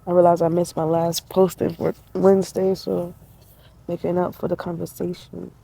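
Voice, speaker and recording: A woman's voice: lowish voice, level tone, normal speed, vocal fry, dark tone, slightly rough, poor audio. A woman in her twenties sitting outdoors in a tree, talking in a casual, reflective way, slangy and spiritual, with laughter. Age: 20s. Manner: laid-back, spiritual, slangy, laughs often. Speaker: vlogger.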